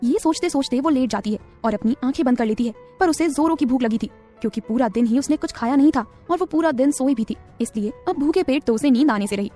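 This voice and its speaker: A woman with a high voice narrates a scripted romance story at a brisk clip. Her storytelling is quick and steady, and faint background music runs underneath the whole reading.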